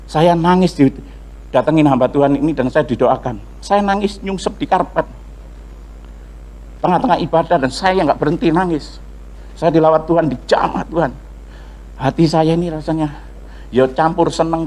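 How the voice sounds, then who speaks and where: A male pastor giving a lively testimony sermon to a congregation, acting out dialogue and singing snippets of hymns. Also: fairly high pitch, low-quality recording. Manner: animated storytelling with acted dialogue and sung snippets.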